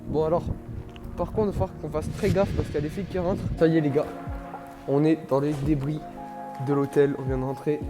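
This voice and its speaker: A man with a slightly high voice gives casual exploration commentary for viewers. He is slangy and easily amazed, and music plays clearly along with him. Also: fairly even intonation, a little fast, echoey room. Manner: slangy, awestruck, addresses viewers. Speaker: vlog host. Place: exploring inside and around an abandoned building.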